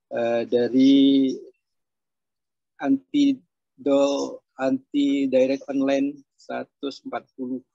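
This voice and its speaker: A man from Surabaya with a mid-range, creaky, slightly mellow voice gives a candid, chatty testimonial as a program participant over a video call. He's self-deprecating, and the call sounds dry, dull and lo-fi, with no echo.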